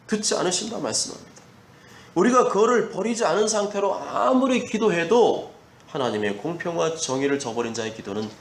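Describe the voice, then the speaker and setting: A man's voice: high voice, vocal fry, slight background noise. A male pastor preaching a Sunday sermon, building his points through emphatic repetition. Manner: preaching with emphatic repetition, acting out quoted parents. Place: church sanctuary. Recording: echoey church hall, faint ambience.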